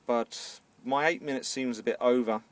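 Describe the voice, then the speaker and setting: A man's voice: medium pitch, moderate pace. A man with a Northern Irish accent chatting casually and unscripted as he cooks, hesitating and repeating words as he starts phrases. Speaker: home baker demonstrating a recipe. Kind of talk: casual unscripted chat while cooking. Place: inside a camper van. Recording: distant mic with faint background noise.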